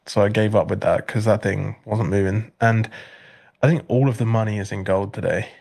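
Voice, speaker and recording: A man's voice: lowish voice, fairly even intonation, normal speed, vocal fry, darkish tone. A congested British man hosting a live trading stream, chatting casually with dry, sarcastic humor. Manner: dry, sarcastic humor while reading chat.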